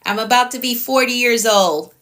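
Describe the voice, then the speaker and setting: Woman, late 30s, productivity coach doing a live stream, bright tone, firm and repetitive delivery. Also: fairly high pitch, normal speed. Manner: repetitive, firm, tags lines with okay.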